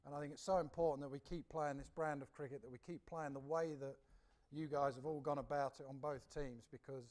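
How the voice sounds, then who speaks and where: A man's voice: fairly high pitch, fairly even intonation, a little fast, a little mellow. A man giving an earnest, fluent dinner speech as a sports official.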